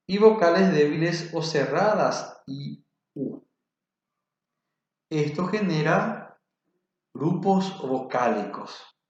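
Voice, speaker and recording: A man giving a spoken grammar lesson, slow and deliberate, spelling out examples. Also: fairly high pitch, darkish tone. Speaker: teacher. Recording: very echoey, dull lo-fi room.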